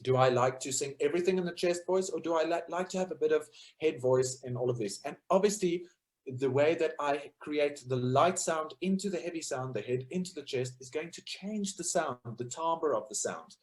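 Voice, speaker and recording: This man's voice sits on the high side and is a bit mellow, moving at a normal speed. His talk is an informal choral music lecture with sung examples, where he explains step by step and thinks out loud, using many fillers.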